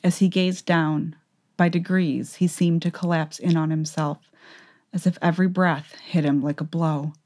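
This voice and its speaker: This low-voiced woman tells a scripted fantasy story in the style of a dramatic audiobook. Her tone is a little mellow, with fairly even intonation and a moderate pace.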